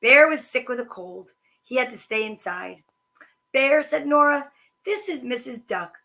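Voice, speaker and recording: Picture books are read aloud at a measured pace by a woman with a high voice hosting children's story time. She sounds sing-song and animated and adds chatty asides.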